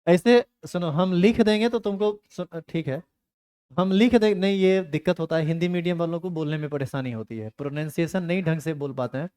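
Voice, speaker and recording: A man's voice: a little high, fairly quick, darkish tone, smooth. A man teaching a chemistry class, teasing and scolding his students. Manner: scolding, teasing students in a rustic Hindi dialect. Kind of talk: classroom lecture.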